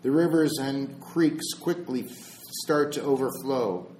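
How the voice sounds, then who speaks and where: A man giving a slow, deliberate spiritual talk, pausing between phrases and telling a parable. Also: mid-range voice, a little mellow, slight background noise. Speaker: spiritual speaker. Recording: roomy echo.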